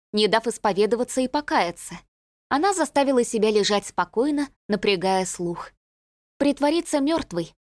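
A woman narrating an audiobook in a measured, even reading. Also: a little high, no room sound, clean studio sound. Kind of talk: scripted narration.

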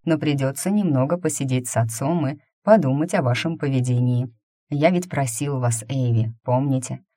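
A woman voicing a middle-aged male burgomaster who speaks calmly and reproachfully to his captive. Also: rumbling low, moderate pace, dry recording, studio quality. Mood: coaxing. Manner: calm, coaxing, reproachful.

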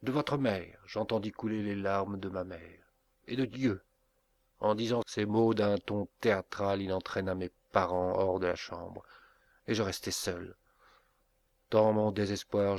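A man reading a classic novel aloud as a first-person narrator, in a measured, dramatic way. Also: lowish voice, gravelly, darkish tone. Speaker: audiobook reader. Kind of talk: literary audiobook narration.

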